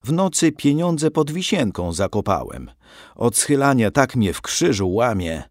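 A man's voice: medium pitch, very animated, a little slow, no room sound. Storybook: male reader voicing a shrewd, grumbling old grandfather, scolding and groaning, dry close sound. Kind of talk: storybook reading.

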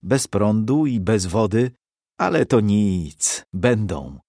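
A man voicing a weary father who speaks slowly and reassuringly to his family in a storybook. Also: on the low side, lively intonation, mellow, dry recording, clean studio sound, full character voice. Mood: hopeful. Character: weary but hopeful father back home.

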